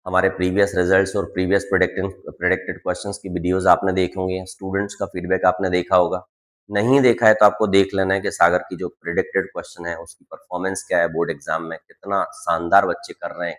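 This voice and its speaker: A man's voice: on the low side, a bit bright, low-quality recording. A man teaching maths at a board. He asks the class questions and answers them himself, keeps checking whether the students follow, and mixes Hindi with English terms. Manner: repeats checks like "clear students?". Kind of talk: classroom-style board lesson.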